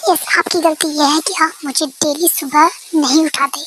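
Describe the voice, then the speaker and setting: A woman's voice: high-pitched, steady tone, normal speed, a bit bright, slight background noise, low-quality recording. A woman voicing a sulky, childish young wife who talks back, in an amateur fan dub. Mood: defiant. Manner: pouty, defiant.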